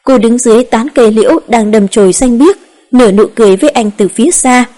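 Woman, higher voice, calm steady narration, audiobook reading. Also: a little fast. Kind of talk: scripted narration of a romance novel.

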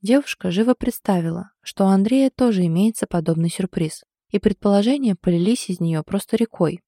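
A woman narrating an audiobook in a steady, expressive storytelling manner. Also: medium pitch, fairly quick, dry recording, clean studio sound.

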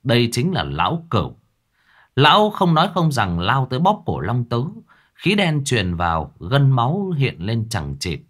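A man narrating a ghost story in a dramatic, expressive way. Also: medium pitch, unhurried. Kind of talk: scripted narration.

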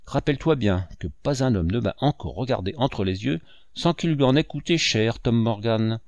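Guy doing a gruff old pirate captain, bossy and menacing, storybook reading, dry sound. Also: mid-range voice, animated, moderate pace, a little mellow, dry recording, highs cut off, natural voice. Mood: threatening. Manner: gruff, commanding, threatening.

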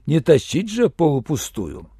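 Narrator doing a booming gleeful scientist guy in a storybook, loud, dark gravelly tone, dry close sound. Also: wildly swooping pitch, unhurried, dry recording, heavily acted. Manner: booming and loud, snorting with delight.

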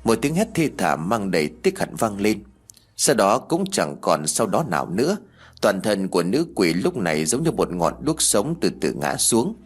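A man narrating a scripted horror story in a dramatic, expressive way. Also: lowish voice, slightly rough.

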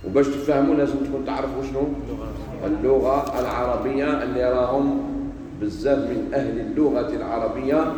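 Algerian preacher man, animated sermon, booming hall reverb, distant mic, faint hiss. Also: a little fast. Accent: Algerian Arabic. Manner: animated, shifting between loud emphasis and quiet asides. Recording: echoey hall from far off.

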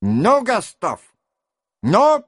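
An adult man reading a book aloud and voicing a hot-tempered male hussar officer who shouts fiercely. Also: high-pitched, huge pitch swings, drawn-out words, no room sound, studio quality, voice pushed up, exaggerated voice. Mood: fiery. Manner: shouting, fiery. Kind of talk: audiobook character reading.

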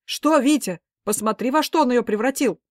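A woman voicing an angry, protective middle-aged father who talks in loud, blustering outbursts. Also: medium pitch, fairly quick, no echo, clean studio sound, close to an everyday voice. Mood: indignant.

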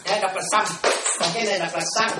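A woman's voice: medium pitch, fairly even intonation, rapid-fire, over loud music. A woman, a Buddhist monastic teacher leading a dharma class on Pali terms, who repeats herself and keeps asking if her students follow. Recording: echoey room from far off, ambient noise.

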